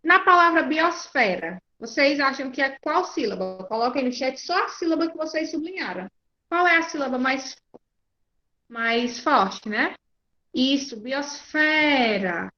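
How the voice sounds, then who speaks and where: A woman's voice: high voice, lively intonation, a little slow, bright, forceful tone. A Brazilian woman teacher giving an online class, patient and checking often that her students follow. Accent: Brazilian Portuguese. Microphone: video call. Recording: muffled lo-fi video call audio.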